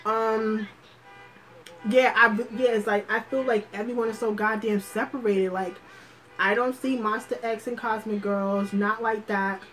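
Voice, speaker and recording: A woman holds a casual livestream chat at a mid pitch, talking loosely and thinking aloud as she goes. Her speech is slangy and profane, with lots of fillers and restarted sentences. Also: fairly even intonation, measured pace, a bit bright, faint music behind, poor audio. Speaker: livestream host.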